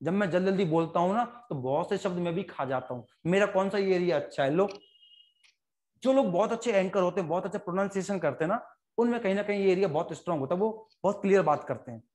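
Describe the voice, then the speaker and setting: A man with an Indian accent teaching a biology class, joking with students and telling quick stories in a lively lecture. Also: high-pitched. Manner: joking, animated, fast-talking lecturer who puts on quick voices for stories.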